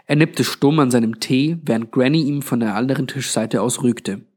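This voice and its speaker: A man reading a suspense story aloud in a measured storytelling manner. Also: mid-range voice, a little mellow, slightly rough. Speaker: audiobook narrator. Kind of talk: scripted narration.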